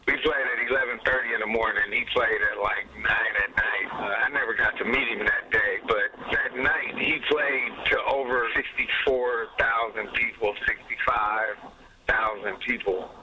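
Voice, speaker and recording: Animated laughing male musician. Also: lowish voice, normal speed, a little hiss or hum, poor audio. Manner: animated storyteller, laughs often, swears freely. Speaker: guest musician. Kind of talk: casual interview chat.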